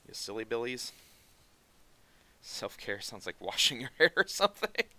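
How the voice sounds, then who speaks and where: Drawing on stream, this man chats loosely with his audience, wandering off into quick asides and mutters as he works. His nasal voice sounds naturally sarcastic, medium in pitch and very animated, with a bright, forceful tone on a dry recording.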